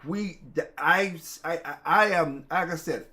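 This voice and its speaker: A man's voice: fairly high pitch, measured pace, sharp tone. A man hosting a casual political talk show, rambling with many restarts and growing heated. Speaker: podcast host.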